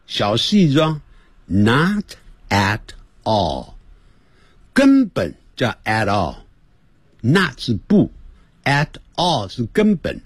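Lively, husky-voiced male radio teacher. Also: mid-range voice, no room sound. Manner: animated, drills pronunciation by repeating phrases; playful, jokes with listeners. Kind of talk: radio language lesson.

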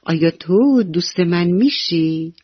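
A woman's voice: on the low side, expressive, dry recording. A woman voicing a curious little boy mouse in a children's radio story, who talks in an eager, earnest and questioning way. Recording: slightly dull radio recording with soft music.

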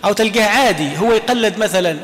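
A man giving an informal recitation lesson, chanting quoted readings slowly and answering students. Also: sits high, expressive, a bit bright. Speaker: teacher of Quran recitation. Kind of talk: classroom lesson explaining recitation. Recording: long hall reverb.

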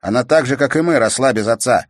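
A man's voice: mid-range voice, fast, no echo, clean studio sound, pitched above the performer's own voice, close to an everyday voice. A man reading an audiobook and voicing an irritable teenage boy who argues and mocks his sister. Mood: defensive. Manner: irritated, mocking. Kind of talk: audiobook character voice.

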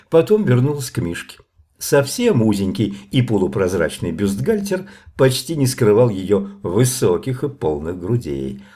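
Male audiobook narrator, measured and even, low-pitched, warm dark tone. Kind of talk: audiobook reading of a novel.

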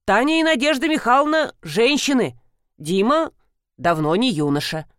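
A woman's voice: a little high, lively intonation, normal speed, fairly bright tone, dry recording, clean studio sound. A woman reading an audiobook, voicing an ironic young male detective who jokes a lot. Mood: puzzled, ironic. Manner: ironic, joking.

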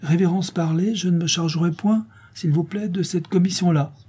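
A man's voice: sits high, fairly even intonation, moderate pace, dark tone, husky, voice pushed up. A man reading aloud voices a wily, obsequious house steward who pleads humbly. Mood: pleading.

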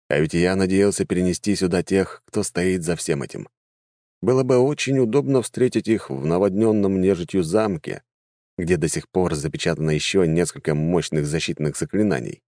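A man narrating a fantasy audiobook in a wry, lively storytelling manner. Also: low-pitched, no echo, clean studio sound.

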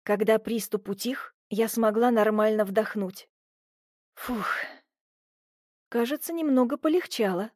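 Woman reading an audiobook, expressive, high-ish voice, dry close sound. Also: no room sound. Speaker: audiobook narrator. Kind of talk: first-person audiobook narration.

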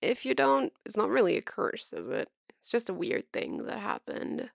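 A kind young man who teases his friend gently and hums while thinking, read by a woman. The voice carries a slight gravelly texture, recorded close and dry with no room sound, and it stays near the reader's own voice. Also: mid-range voice, wildly swooping pitch, normal speed, no room sound, heavily acted. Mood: teasing. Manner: gentle, teasing, humming. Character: patient teasing young male friend.

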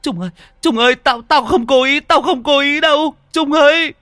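A man voicing a terrified young boy who shouts in loud panic for his friend in a told ghost story. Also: extremely high pitch, moderate pace, dry recording, soft background music, voice pushed up. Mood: panicked shouting.

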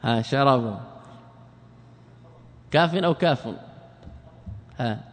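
A man leads a classroom lesson and keeps putting questions to his students. He repeats key words and stretches them out as he explains. His voice sits at an ordinary middle pitch and carries a long reverb, as if heard in a large hall. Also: animated, takes it slowly. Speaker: Islamic scholar teaching a class.

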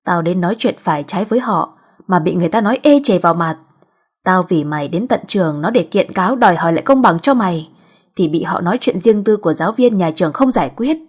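A woman voicing an angry middle-aged mother who scolds harshly and loudly, in a husky voice. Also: on the low side, lively intonation, fast talker. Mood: scolding.

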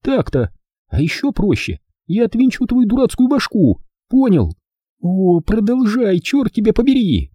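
A man doing a shrill furious young woman. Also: huge pitch swings, unhurried, dark tone, slightly rough, no room sound, full character voice. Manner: shrill, indignant outbursts. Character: fiery sarcastic young woman, quick to fury.

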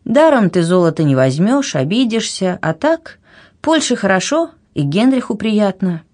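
A woman voicing a proud, hot-tempered young princess who shouts indignantly. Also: very animated, normal speed. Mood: insistent. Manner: shrill, indignant outbursts.

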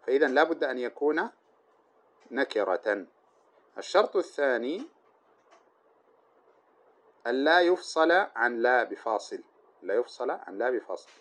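A man's voice: medium pitch, very animated, moderate pace, long pauses, a bit bright. A man teaching an Arabic grammar lesson, explaining step by step, repeating his examples and putting questions to his listeners before answering them himself.

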